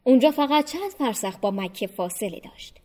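A woman reading a story aloud in a plain, even storytelling voice. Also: fairly high pitch. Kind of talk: scripted narration of a children's story.

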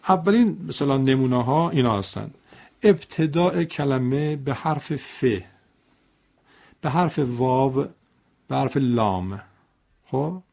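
A man's voice: mid-range voice, lively intonation, gravelly, long pauses, darkish tone. A man teaching Quran recitation, correcting and demonstrating pronunciation by repeating examples. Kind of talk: recitation lesson dialogue.

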